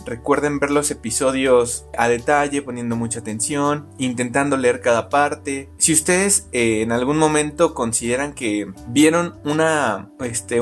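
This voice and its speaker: A man teaches an online language lesson at a mid pitch, explaining step by step and pausing to check in with his students. Light guitar music plays softly underneath. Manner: explains slowly, checks in with "¿de acuerdo?". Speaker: English teacher.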